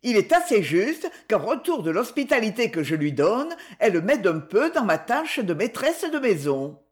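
A woman's voice: mid-range voice, very animated, normal speed, pitched above the performer's own voice, close to an everyday voice. A woman reading an audiobook voices an arrogant middle-aged stepmother who scolds in an acerbic, haughty tone.

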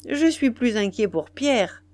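A woman reading the lines of a middle-aged male inventor, a little louder than her narration, in an audiobook. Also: on the high side, lively intonation, unhurried. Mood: cheerful, worried.

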